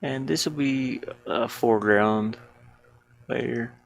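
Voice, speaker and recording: An indie game developer rambles with amusement as he thinks aloud, commentating on a screen share of the game he's building. His creaky, mid-range voice moves slowly.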